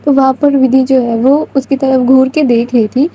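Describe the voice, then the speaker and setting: Husky chatty woman storyteller. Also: sits high, steady tone, normal speed, warm tone, low-quality recording. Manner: chatty, conversational, addresses listener. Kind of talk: casual spoken story narration.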